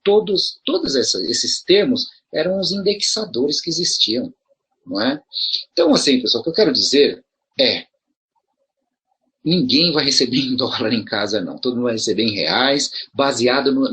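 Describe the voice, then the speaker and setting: Very husky middle-aged Brazilian man. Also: medium pitch, big pitch swings, normal speed, a bit bright. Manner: conversational, rhetorical questions, frequent restarts. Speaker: video commentator addressing promoters. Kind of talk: casual explanatory monologue.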